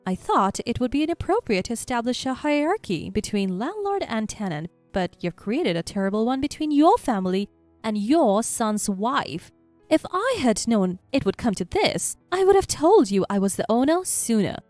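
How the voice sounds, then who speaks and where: A woman's voice: on the high side, sing-song, moderate pace, darkish tone, no room sound, soft background music. A woman voicing a cool, assertive mother in a storybook reading. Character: cool, confident mother and landlord.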